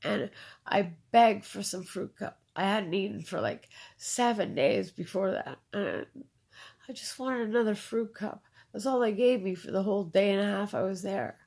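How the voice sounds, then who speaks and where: A woman recounting her own experiences to an interviewer, halting with fillers and repeating phrases for emphasis. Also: mid-range voice, gravelly, darkish tone. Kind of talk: personal storytelling in conversation.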